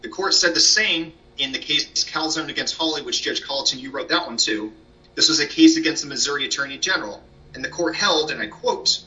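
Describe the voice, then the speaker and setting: A man argues formally as a lawyer before a court. His voice is very bright and forceful, a little high for a man, picked up dully from a distance. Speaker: lawyer, state solicitor general arguing an appeal. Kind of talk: formal oral argument. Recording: dull, distant microphone pickup.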